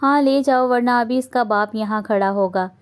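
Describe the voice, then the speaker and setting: A woman's voice: fairly high pitch, clear, resonant tone, close to an everyday voice. A woman voicing an older grandfather in a novel reading, tender and sentimental.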